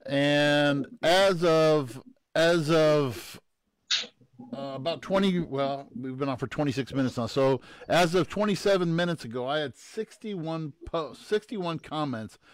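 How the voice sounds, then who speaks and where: A man's voice: on the high side, a little slow, clean tone. A man co-hosting a talk show, chatting casually and explaining at an easy pace. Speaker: podcast co-host.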